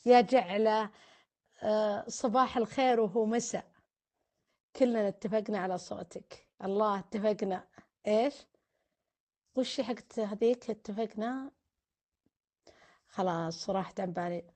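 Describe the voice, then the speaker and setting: A woman's voice: mid-range voice, a little slow, pauses often, darkish tone. A woman, a family counselor hosting a casual live stream, reading viewer comments aloud, teasing them and offering blessings.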